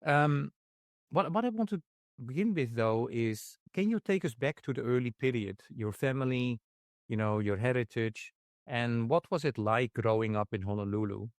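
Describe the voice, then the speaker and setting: Male podcast host from the Netherlands, mid-pitched, halting and self-deprecating, dry close sound. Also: creaky, dry recording. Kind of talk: casual interview chat.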